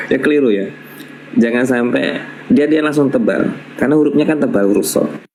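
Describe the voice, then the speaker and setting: A man teaching a live Quran recitation lesson, patiently repeating syllables slowly as models for students to copy. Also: mid-range voice, vocal fry, darkish tone, slight background noise, rough recording.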